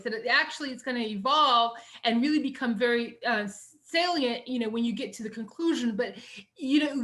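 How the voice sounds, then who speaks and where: Woman, middle-aged, teacher, recorded lecture, chatty with fillers, slightly high, bright voice. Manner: chatty, lots of fillers and "you know". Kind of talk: recorded lecture on essay writing.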